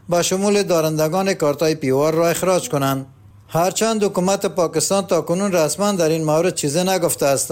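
A man with an Afghan Dari accent reading the news in a formal, measured scripted delivery. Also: fairly high pitch, darkish tone. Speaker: newsreader.

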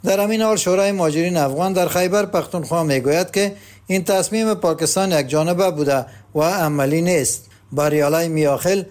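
A man with an Afghan Dari accent reading the news in a formal, measured scripted delivery. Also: a little high, darkish tone. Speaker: newsreader.

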